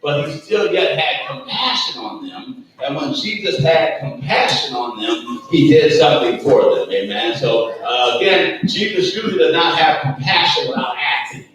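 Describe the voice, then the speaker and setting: A man's voice: on the high side, big pitch swings, normal speed, few pauses, a bit bright. A man as pastor, preaching a sermon with a folksy manner, often saying "Amen" and chuckling between points. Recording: echoey church room from far off, faint background noise.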